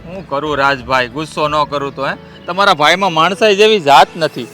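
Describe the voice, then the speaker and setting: A heated, indignant brother. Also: male voice, a little high, fairly quick, sharp tone, soft background music. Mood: aggrieved. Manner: aggrieved, heated. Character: indignant man defending his insulted sister. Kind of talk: village family stage drama.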